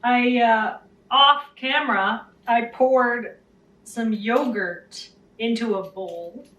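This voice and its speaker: A woman chatting casually to camera in a vlog, with playful, mock-serious deadpan humour. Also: fairly high pitch, slow, dry recording, low-quality recording. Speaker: vlogger.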